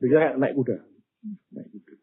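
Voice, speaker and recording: An older man, preaching a sermon with storytelling and animated, sometimes loud exclamations. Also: medium pitch, normal speed, husky. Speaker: pastor. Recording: phone-like thin sound.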